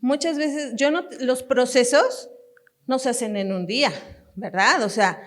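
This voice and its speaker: A woman's voice: sits high, measured pace. A woman pastor teaching parents in a sermon, repeating her points emphatically and speaking straight to them. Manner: emphatic and repetitive, addressing parents directly with light laughter.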